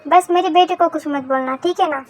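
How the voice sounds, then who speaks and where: A woman's voice: sits high, a little fast. A woman voicing a fussy, doting middle-aged mother-in-law who coaxes a shy girl in a fan-fiction voice story. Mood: coaxing. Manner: fussy, coaxing.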